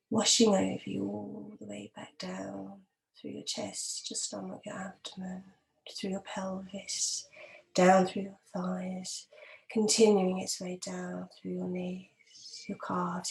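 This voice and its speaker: The audio is of poor quality: a hypnotherapist, a woman, leads a guided relaxation meditation. She sounds gentle, calm and measured, pausing at length, her mid-range voice soft and now and then breathy.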